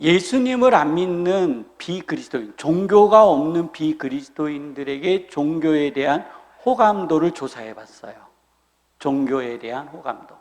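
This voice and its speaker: A man preaching a sermon as a pastor, lively and humorous, acting out the people he quotes. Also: on the high side, moderate pace. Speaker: senior pastor. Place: church sanctuary. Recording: reverberant church hall.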